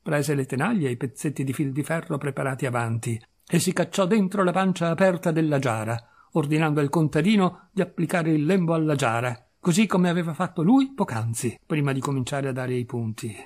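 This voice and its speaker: A man narrates a classic short story with dramatic, animated delivery. His voice is husky and sits slightly high. It is a literary reading performed aloud. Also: fairly quick, few pauses. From Italy.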